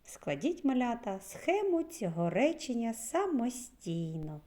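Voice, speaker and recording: A woman preschool teacher giving a lesson to small children, saying words slowly with clear stress. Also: fairly high pitch, big pitch swings, dark tone.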